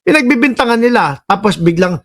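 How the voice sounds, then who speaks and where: Hosting political reaction commentary, a man from the Philippines talks a little fast in a voice that sits high. He's animated and sarcastic, berating the people shown in the clips and reading viewer comments aloud.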